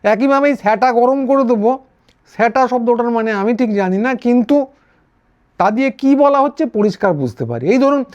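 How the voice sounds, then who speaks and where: High-pitched guy doing wry political commentary, dull lo-fi sound. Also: expressive, normal speed, darkish tone. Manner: wry, sarcastic, with frequent hesitations and restarts. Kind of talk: casual political commentary monologue. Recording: dull, lo-fi recording.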